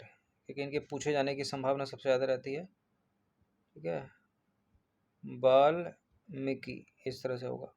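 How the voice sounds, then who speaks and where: Brief: male exam coach, monotone delivery, walks through answers item by item and repeats them. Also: a little high. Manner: explains point by point, repeats answers, checks in with 'ठीक है'. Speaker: exam prep teacher. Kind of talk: exam paper walkthrough.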